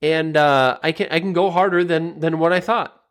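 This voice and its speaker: A man's voice: steady tone, moderate pace, a bit bright. A man hosting a podcast, speaking in a casual motivational monologue full of fillers and restarts. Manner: rambling, with many fillers and restarts; grows more emphatic and pitch rises toward the end. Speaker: podcast host.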